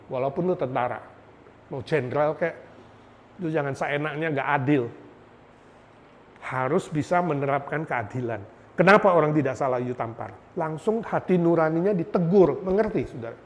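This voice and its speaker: A man preaching a lively sermon as a pastor, often asking the congregation questions and slipping in English phrases. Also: a little high, normal speed. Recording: long hall reverb.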